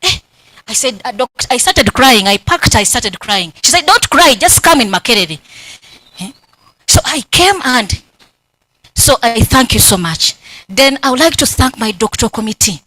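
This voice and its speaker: A PhD candidate from Uganda, speaking with a Ugandan English accent, gives heartfelt thanks at her thesis defense in a university hall, reenacting past conversations with quoted dialogue in animated fashion. She has a fairly high pitch and moderate pace, and the audio is poor though without echo.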